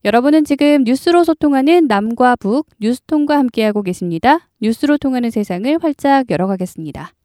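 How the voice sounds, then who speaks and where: A woman hosting a radio news program, reading news and weather in a clear, friendly studio delivery. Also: a little high, lively intonation, brisk, few pauses, mellow.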